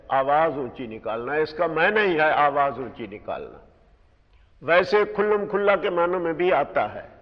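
A man teaching a word-by-word grammar lesson, measured and explanatory, slowing down to stress key words. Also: mid-range voice. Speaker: Quran teacher. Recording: dull recording in a reverberant hall.

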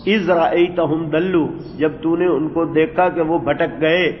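A man teaching a Quranic exegesis lesson, explaining Arabic grammar word by word in a calm lecturing way. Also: a little high, a little hiss or hum. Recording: dull roomy recording with long reverb.

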